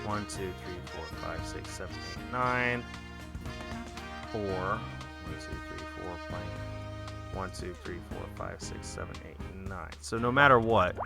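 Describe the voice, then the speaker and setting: A man's voice: sits low, very animated, measured pace, creaky. A man giving casual live commentary on a game stream, thinking aloud and muttering as he works. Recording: loud game music behind.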